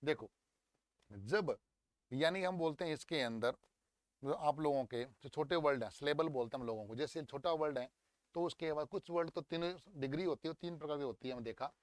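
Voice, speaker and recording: A young male teacher coaxes his students through an exam paper, drilling each word out loud. His voice sits fairly high. The recording is dry and close. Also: moderate pace, no echo. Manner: lively, coaxing, drills words aloud. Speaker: English teacher. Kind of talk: exam paper walkthrough lesson.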